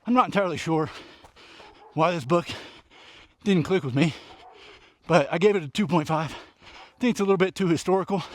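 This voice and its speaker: A man with a slightly high voice gives a casual book recap while running. He is winded and speaks in short, breathy phrases. The sound is very dry, with no echo around the voice. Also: brisk. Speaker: book reviewer vlogger. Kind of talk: casual book recap vlog recorded on a run. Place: outdoors at night.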